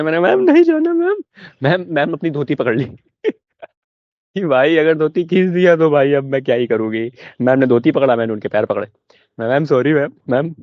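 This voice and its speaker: A man's voice: medium pitch, no room sound, dull audio. Young man telling a school story on stage. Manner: animated, laughing at his own story. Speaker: stand-up comedian. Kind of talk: stand-up storytelling.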